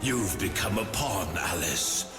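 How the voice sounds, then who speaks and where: Slow, echoing fantasy king. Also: on the low side, animated. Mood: ominous. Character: Red King, grave commanding male fantasy monarch. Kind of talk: scripted game character dialogue. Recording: long hall reverb with music.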